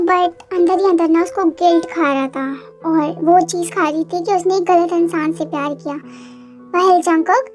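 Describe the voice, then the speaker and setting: Hushed woman narrating a fan drama. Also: very high voice. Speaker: storyteller.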